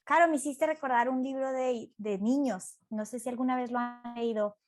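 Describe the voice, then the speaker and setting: Woman, high voice, animated storyteller, casual chat on a video call. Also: moderate pace. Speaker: teacher in a discussion group. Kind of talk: casual online discussion.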